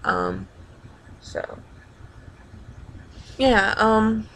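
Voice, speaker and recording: A young adult woman with a creaky voice rambles informally in a casual video diary, often halting and backtracking. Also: a little high, wildly swooping pitch, a bit bright. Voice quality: creaky vocal fry. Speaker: vlogger.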